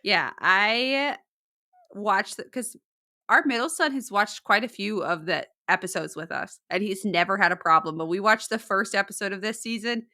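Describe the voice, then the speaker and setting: A woman with a bright, forceful voice hosting a true crime podcast in a casual, upbeat way. She chats freely and laughs at her own stories, recorded close and dry. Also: medium pitch, animated, moderate pace, no echo. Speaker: podcast host.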